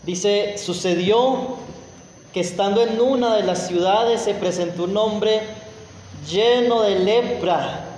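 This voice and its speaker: A high-pitched man delivers an emphatic sermon. He drops into whiny mock prayers to make his point. The recording rings with the long reverb of a large hall. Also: slow pace, a little mellow, slight background noise. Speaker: preacher.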